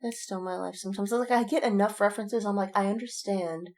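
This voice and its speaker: Chatting casually about films and fandom as a podcast co-host, a woman speaks a little fast in a steady, medium-pitched, slightly mellow voice. She retells things with animation and quotes her own reactions along the way.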